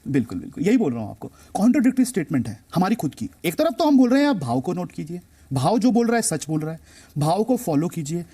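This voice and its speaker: Fast, animated man explaining markets. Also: high-pitched, husky. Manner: emphatic, repeats key phrases for effect. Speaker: stock market expert guest. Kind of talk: explaining to a TV host.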